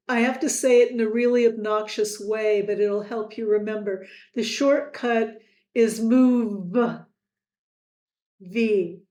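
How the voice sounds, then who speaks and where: Woman software tutor, unhurried, slightly high voice, echoey room on a desk mic. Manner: slow, friendly quiz-style asides. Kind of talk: screen-recorded tutorial.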